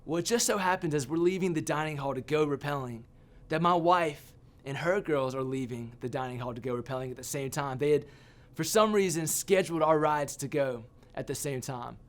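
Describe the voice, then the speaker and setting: A man giving a sermon as a youth pastor, telling a personal story with animated, self-mocking humor. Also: on the high side, fairly quick, few pauses.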